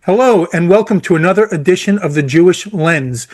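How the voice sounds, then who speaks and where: Chatty male podcast host, slightly high voice. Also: lively intonation, fairly quick, faint music behind. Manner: friendly, laughs often, stumbling restarts. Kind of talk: casual interview.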